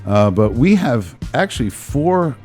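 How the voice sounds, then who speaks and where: A man's voice: mid-range voice, sing-song, measured pace, darkish tone, soft background music. A man with a Brooklyn accent hosting a talk show in a casual, rambling way, often repeating his phrases. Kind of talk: casual live show chat.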